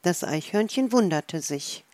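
Woman narrator, storybook, slow, calm, dry close sound. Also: on the low side, no echo.

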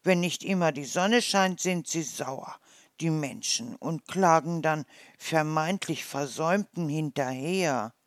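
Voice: mid-range voice, slow, no echo, studio quality, lightly acted. A storyteller voicing a small, curious, naive hedgehog who asks wondering questions.

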